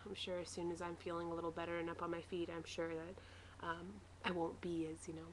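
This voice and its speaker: A woman's voice: fairly low pitch, little pitch movement, fairly quick, background noise. A woman talking casually and matter-of-factly in a rambling personal video diary, recorded at home. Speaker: vlogger sharing a weight-loss surgery recovery diary.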